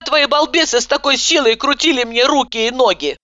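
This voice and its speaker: A woman voicing an excitable, indignant young woman who yells in outrage. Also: brisk, no room sound, dull audio. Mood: wailing. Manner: shrill, yelling.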